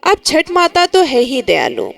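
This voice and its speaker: A woman storyteller narrating a devotional tale in a dramatic, expressive way. Her voice is high and swoops widely across each phrase. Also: unhurried, vocal fry.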